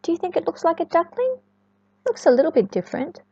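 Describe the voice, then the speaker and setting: A woman with an extremely high-pitched voice reads a storybook to young children fast, expressive and sing-song. She often chats and asks the listener questions. The sound is dull lo-fi in an echoey room.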